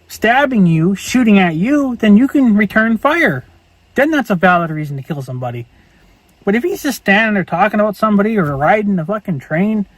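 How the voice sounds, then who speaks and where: A man's voice: sits high, no room sound, rough recording. A man ranting angrily and profanely in a casual vlog monologue, repeating himself as he goes. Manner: angry, profane, repetitive ranting. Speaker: vlogger.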